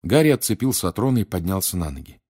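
Deep-voiced guy reading an audiobook, steady and measured. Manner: even, measured. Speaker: audiobook narrator.

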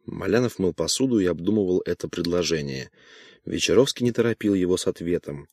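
A man narrating an audiobook in an even, unhurried reading. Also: low voice, dry recording.

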